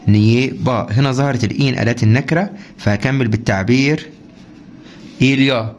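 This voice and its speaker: Egyptian man, French teacher, rapid delivery, mid-pitched voice, faint background noise. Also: lo-fi sound. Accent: Egyptian Arabic. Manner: quick, repetitive drilling, asking the class rhetorical questions. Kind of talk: homework walkthrough lesson.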